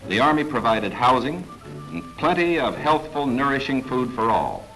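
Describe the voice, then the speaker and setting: A man giving formal, measured 1940s government newsreel narration. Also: mid-range voice, big pitch swings, bright, forceful tone, low-quality recording. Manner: formal, measured, authoritative delivery. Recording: narration over clear background music.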